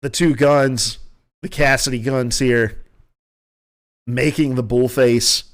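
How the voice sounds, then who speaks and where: His voice is medium-pitched and slow, with fairly even intonation and a noticeable Southern country accent. As a podcast host at home, he gives casual, opinionated, rambling remarks, regularly correcting himself and restarting sentences.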